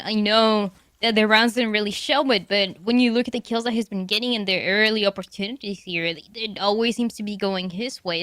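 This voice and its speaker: A woman's voice: mid-range voice, fairly bright tone, no echo. A woman giving analytical live match commentary as an esports caster.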